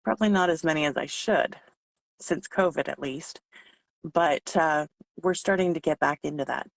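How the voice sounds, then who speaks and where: A woman whose voice is hoarse and giving out, talking informally as a trainer explaining sales tips. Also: low voice, moderate pace, no echo. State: losing her voice, hoarse. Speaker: sales trainer for direct-selling consultants.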